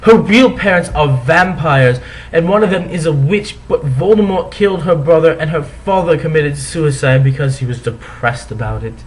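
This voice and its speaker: A man's voice: a little high, moderate pace, low-quality recording. A man giving a comic dramatic reading, theatrical in delivery, with sarcastic asides as he comments on the text. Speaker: reader and commentator.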